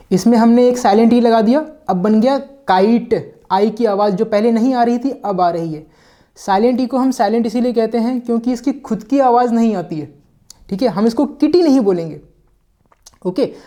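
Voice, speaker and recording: Male teacher, mellow voice, step-by-step explanations, checks in with listeners, mixes in English words. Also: high voice. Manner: mixes English words into his sentences and sometimes corrects himself mid-word. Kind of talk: explanatory classroom lesson.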